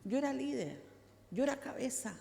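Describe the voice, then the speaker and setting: This pastor's voice sits high and warm, with vocal fry and lively intonation at normal speed. She dramatically recounts her personal testimony in a sermon full of repetition, and the big church hall makes the sound reverberant.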